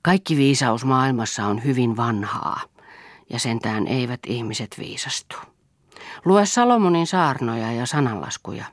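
A woman reading the part of an earnest, thoughtful young orphan woman in a soft, slightly raised voice. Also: rumbling low, animated, no echo, studio quality.

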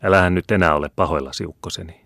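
A man reading the part of a once stern older wife who now speaks gently and soothingly to her husband. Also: sits low, fairly even intonation, vocal fry, no room sound, studio quality. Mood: coaxing. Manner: soothing, coaxing.

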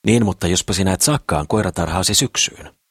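A man's voice: low-pitched, fairly bright tone, slightly rough, no room sound, clean studio sound. A man voicing a suspicious, pious old woman who scolds and disapproves. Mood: grumbling.

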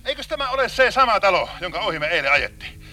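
A man's voice: high voice, big pitch swings, bright, forceful tone, full character voice. An actor playing a talkative hunter who asks around about a lost hare and his hound. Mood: puzzled, chatty. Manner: chatty, inquisitive. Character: eager, talkative male hunter.

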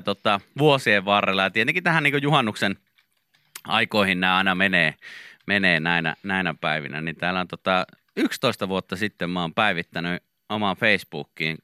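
A man's voice: low voice, clear, resonant tone, dry recording, clean studio sound. A man co-hosting a morning radio show, chatting casually and rambling through his stories with lots of fillers. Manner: rambling, relaxed, many fillers. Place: radio studio. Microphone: studio microphone.

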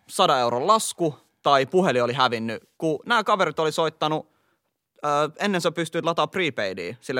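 Emphatic and a bit lecturing, a Finnish podcast co-host with an eastern Helsinki suburbs slang accent hands out advice during casual conversation. His voice is medium-pitched and slightly bright, captured dry at studio quality.

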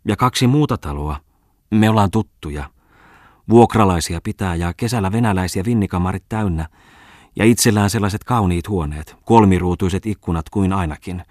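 A man's voice: sits low, a little mellow, dry recording, clean studio sound, lightly acted. A man reading an audiobook voices a bustling, talkative farm wife who fusses eagerly over a wealthy guest. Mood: chatty. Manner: eager, fussing, hospitable. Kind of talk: audiobook character voice.

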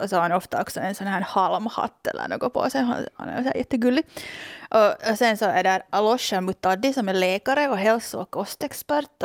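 A woman's voice: medium pitch, dry recording. Gushing Finland Swedish woman, dry sound. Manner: gushing, enthusiastic, many restarts. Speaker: podcast host. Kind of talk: casual chat.

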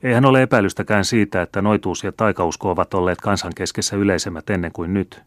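A man putting on an inquisitive, strict old grandmother who presses with sharp questions. Her voice is lifted above a deep male reading voice, firm and a little louder. The recording is close and dry. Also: steady tone, no echo, close to an everyday voice. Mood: skeptical. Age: older. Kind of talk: audiobook character reading.

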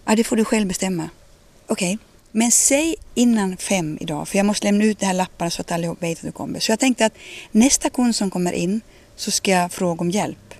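A woman in her fifties recounts episodes from her own life in an easy conversational way. She slips into the voices of the people she quotes and keeps her telling animated. Her voice sits at an ordinary middle pitch for a woman. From Ostrobothnia, Finland. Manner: animated, acts out quoted dialogue. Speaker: interviewee. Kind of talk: personal storytelling in a radio conversation.

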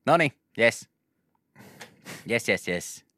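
A man's voice: mid-range voice, very animated, pushed and bright, dry recording. A man co-hosting a morning radio show, telling a story hesitantly and repeating his words in casual banter. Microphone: studio microphone.

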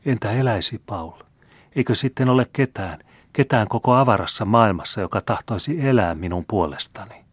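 A man's voice: lowish voice, expressive, husky, no room sound, voice pushed up. A man reading as a teasing French marquise. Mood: playful teasing.

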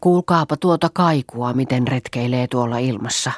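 A woman reading the part of a lively, knowing farm girl in an audiobook. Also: rumbling low, no room sound, clean studio sound. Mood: chatty. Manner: lively, knowing, proverb-quoting.

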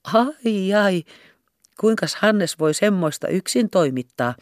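A woman's voice: mid-range voice, animated, no echo, clean studio sound, voice pushed up, natural voice. Brief: coy pious seamstress, teasing and tart, read by a woman narrator. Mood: alarmed.

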